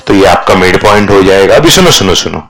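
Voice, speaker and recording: Energetic man lecturing, low voice. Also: quick pace, rough recording. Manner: energetic, coaxing students to answer aloud, mixing Hindi and English. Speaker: commerce teacher. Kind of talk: lively classroom lecture.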